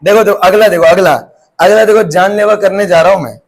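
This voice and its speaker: Male physics teacher, high voice, teasing classroom banter. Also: fairly even intonation, fairly quick. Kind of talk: joking classroom lecture.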